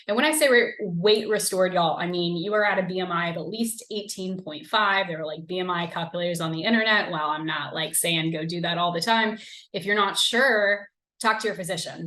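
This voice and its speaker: Chatty woman podcast coach, lowish voice. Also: a bit bright, low-quality recording. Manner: casual, conversational, frequent "like" and "um". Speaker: podcast host and recovery coach. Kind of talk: solo podcast talk.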